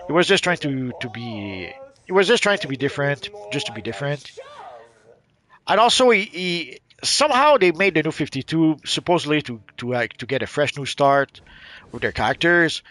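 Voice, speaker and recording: The Quebec gaming host, middle-aged and with a mixed Quebec French accent, gives casual commentary as he plays, wandering and hesitating with many fillers and restarts. His voice is a little high and a bit bright, with big pitch swings at normal speed.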